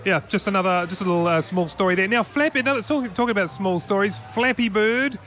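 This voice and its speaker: A man's voice: sits high, fairly quick, a bit bright, soft background music. A man co-hosting a tech news podcast, chatting casually and rambling with restarts and laughs. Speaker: podcast co-host.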